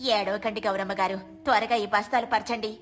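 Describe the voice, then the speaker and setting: A woman voicing a sensible, generous village farmer's wife who talks gently and persuasively. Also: mid-range voice, steady tone, moderate pace, faint music behind, natural voice. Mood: gentle.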